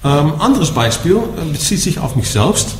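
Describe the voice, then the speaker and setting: Very animated and speaking at normal speed in a fairly high voice, a man from the Netherlands teaches Buddhism in German with a Dutch accent. His dharma talk to a group is patient and explanatory, punctuated by "ja?" after almost each point. The room is echoey with faint background noise.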